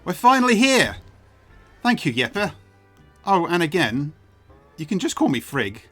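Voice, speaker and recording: A streamer doing an eager, high-voiced young woman. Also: very animated, a little slow, a bit bright, slightly rough, soft background music, heavily acted. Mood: excited. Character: eager young woman newcomer arriving on an island.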